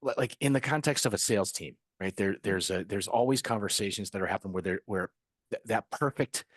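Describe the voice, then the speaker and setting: A man's voice: lowish voice, a little fast, slightly rough, no echo, studio quality. Joking man co-hosting a webinar. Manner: animated and joking, acts out little exchanges. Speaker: webinar co-host. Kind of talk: casual chat in a webinar.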